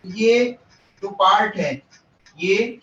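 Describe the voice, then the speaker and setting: A man with a fairly high voice teaches a biology lesson. He explains step by step and keeps asking his students questions. He is picked up from a distance in an echoey classroom with a muffled sound. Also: extremely slow, a bit bright. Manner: mixes English terms into Hindi.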